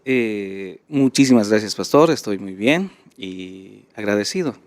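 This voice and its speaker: A man's voice: fairly low pitch, expressive, measured pace, darkish tone, no echo. A man from Bolivia, a polite and somewhat hesitant guest on a studio program. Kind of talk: studio interview.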